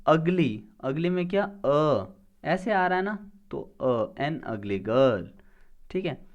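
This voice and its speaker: Male teacher, slightly high voice, takes a grammar lesson one step at a time, asks a question and answers it himself. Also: very animated, lo-fi sound. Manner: sounds out words slowly. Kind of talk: exam-prep grammar lesson.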